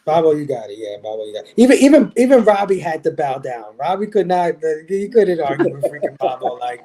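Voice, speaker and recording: A man's voice: a little high, very animated, fairly quick, crowd noise. A man hosting a casual pop culture chat on a live stream, laughing often and hyping up his co-hosts. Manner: laughs often, hypes up the panel. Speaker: podcast host. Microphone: video call.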